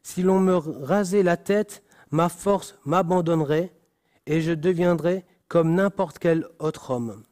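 Slow, high-voiced man reading scripture. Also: a little mellow. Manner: slow, deliberate reading with frequent restarts and apologies. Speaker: preacher. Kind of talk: Bible reading with commentary.

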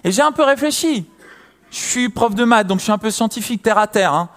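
Young guy preaching, high voice, tells his story all animated. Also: fairly quick. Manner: lively storytelling, acts out quoted voices. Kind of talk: sermon with personal story.

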